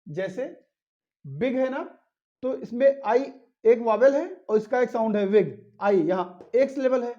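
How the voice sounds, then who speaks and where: Guy teaching grammar, mellow voice, asks then answers himself, kinda muffled recording. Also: extremely high pitch, expressive, unhurried. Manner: explains step by step, asks and answers his own questions. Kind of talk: classroom grammar lesson.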